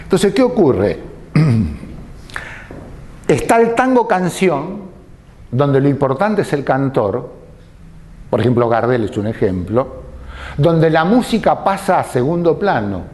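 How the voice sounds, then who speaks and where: A man lecturing at an unhurried, measured pace. His fairly high voice rises and falls widely as he explains, stopping to pose rhetorical questions before answering them himself. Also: big pitch swings, a little mellow, slight background noise. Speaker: tango lecturer.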